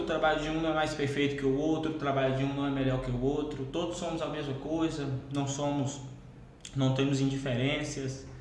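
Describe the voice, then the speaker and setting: A man who exhorts a Bible study group in a repetitive, insistent way and keeps addressing them as brothers. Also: fairly high pitch. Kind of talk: preaching-style exhortation. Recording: very echoey room, faint background hum.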